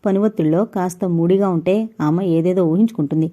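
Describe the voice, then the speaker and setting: A woman's voice: brisk, dark tone, dull audio, lightly acted. Woman voicing a troubled, guilty young man. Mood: strained. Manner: low, strained.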